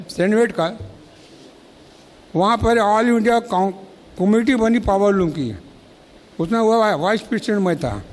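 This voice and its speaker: A man's voice: high-pitched, a little hiss or hum. A man giving a public speech at a ceremony in an auditorium, telling stories and acting out the exchanges he recounts. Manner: storytelling, acting out quoted exchanges. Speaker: speaker at a felicitation ceremony. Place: college auditorium. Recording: long reverb of an auditorium.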